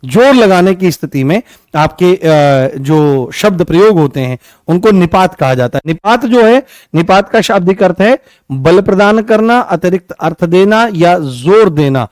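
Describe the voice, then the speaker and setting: A man's voice: high voice, animated, measured pace, darkish tone, dry recording, studio quality. A man teaching an online grammar class, repeating key words and asking and answering his own questions.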